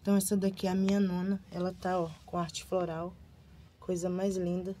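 A woman gushes over her plants in a casual vlog, piling on words of praise. Her voice sits low and mellow with little rise and fall. A faint hiss of background noise runs under her. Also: low-quality recording. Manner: gushing, repeats praise words. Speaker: gardening vlogger. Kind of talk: casual show-and-tell vlog.

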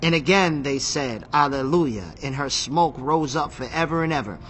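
Excitable man teaching scripture, bright voice. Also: a little high, normal speed, slight background noise. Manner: excitable, emphatic, repeats phrases, reads scripture aloud. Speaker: Bible teacher. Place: seated in a chair.

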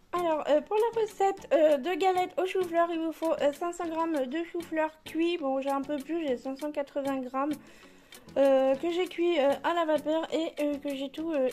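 With a high-pitched, slightly mellow voice, this woman in her thirties casually guides viewers through a home cooking tutorial from her kitchen. A home cook vlogger, she chats freely, fills her speech with fillers, and laughs at her own expense.

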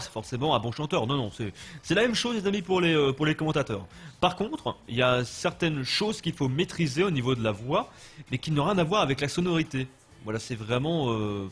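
A man's voice: mid-range voice, fairly bright tone, slightly rough. A young man with a French accent giving loose, chatty live commentary while playing a game and answering his chat. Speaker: gaming livestreamer.

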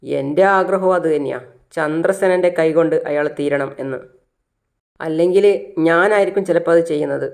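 A woman's voice: sits low, moderate pace, darkish tone. A narrator voicing a troubled middle-aged mother who sounds weary and resentful.

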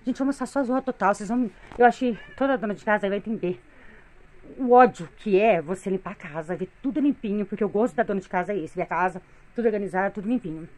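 A woman's voice: medium pitch, fast, darkish tone. A middle-aged woman with a Brazilian Portuguese accent venting in a weary, complaining tone in a casual home vlog, filmed on a phone in her living room. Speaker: vlogger, mother of three.

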